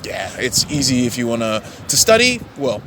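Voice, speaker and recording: A young man raised in the Netherlands answering street-interview questions in a relaxed, hesitant way. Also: medium pitch, normal speed. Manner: relaxed, hesitant with many ums and restarts. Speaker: interviewee, law graduate. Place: outdoors on a city street. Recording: outdoor street noise with traffic.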